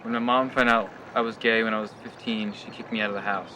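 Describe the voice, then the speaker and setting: A man's voice: fairly low pitch, flat delivery, quick pace, noisy background. A man speaking plainly and evenly in a documentary interview about his life. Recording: music playing under the voice.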